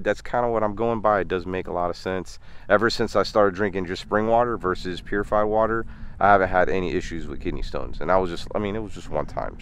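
A man's voice: low voice, a little hiss or hum. Chatty man vlogging outdoors on a farm. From United States. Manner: chatty, talks sweetly to his animals. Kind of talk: casual vlog on his farm. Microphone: handheld camera at arm's length.

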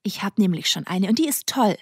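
A woman's voice: mid-range voice, animated, fairly quick, darkish tone, slightly rough, no echo, studio quality. A woman voicing a prickly teenage girl who snaps back and stammers when flustered, in an audiobook. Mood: sharp. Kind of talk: audiobook character voice.

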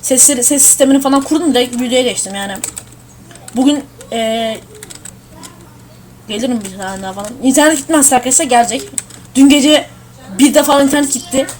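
A young woman giving casual gameplay commentary at her home computer, excitable and swearing at the game. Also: high voice, a little fast, long pauses, a little hiss or hum. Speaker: gamer streaming a shooter.

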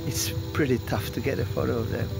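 A man's voice: mid-range voice, fairly even intonation, quick pace, vocal fry, low-quality recording. Middle-aged man, wildlife photographer, documentary interview, mid-range voice, music behind. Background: background music.

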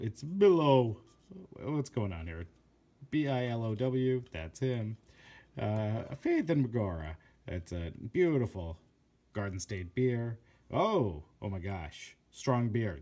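A man talking through his collection in a casual vlog, slow and unhurried, with a voice that sits a little low. He halts often and corrects himself, while gushing with admiration over each piece. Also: a little mellow. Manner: halting, many fillers and self-corrections.

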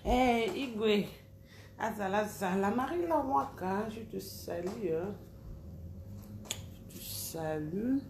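Woman, slow and chatty, greets viewers by name on a live stream; echoey room. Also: medium pitch, expressive, a little mellow, a little hiss or hum. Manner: chatty, calls out names one by one. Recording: roomy echo, faint background ambience.

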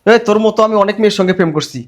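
A man's voice: sits high, racing, lightly acted. An actor playing a callous young man who talks down with open contempt. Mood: contemptuous. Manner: sneering, dismissive.

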